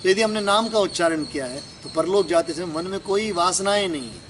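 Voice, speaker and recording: A man's voice: sits high, brisk. A man giving a religious discourse, explaining scripture verses line by line and asking and answering his own questions. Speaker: spiritual teacher. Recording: clear background noise with crickets.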